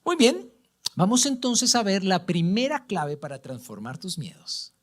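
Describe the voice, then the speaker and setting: Male Colombian pastor, measured, unhurried sermon delivery with wide melodic swings and whispered asides. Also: high-pitched, wildly swooping pitch. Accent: Colombian Spanish. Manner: dramatic, swings from loud emphasis to hushed whispers. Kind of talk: sermon reading scripture aloud. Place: church.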